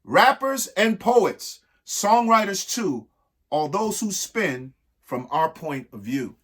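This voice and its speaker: Reading a picture book to children, this man performs it with emphatic flair, pausing dramatically and addressing his young audience directly. His voice sits high, sing-song and fairly bright.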